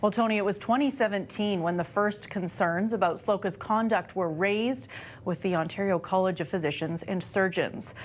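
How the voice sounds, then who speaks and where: A woman, a television reporter narrating a news story in a measured, formal way. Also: mid-range voice, slight background noise.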